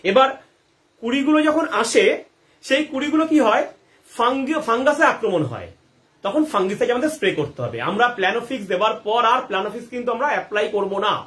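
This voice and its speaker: A man's voice: very high voice, lively intonation, fast talker, fairly bright tone. A man hosting a live gardening Q&A. He answers viewers' questions and asks himself rhetorical questions, checking in with the audience often. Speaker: gardening advice host.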